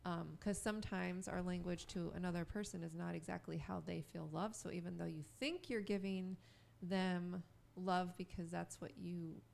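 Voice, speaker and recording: A woman co-hosting a podcast in casual chat, rambling and giggly, with a strong vocal fry. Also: lowish voice, steady tone, normal speed, a little mellow. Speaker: podcast co-host.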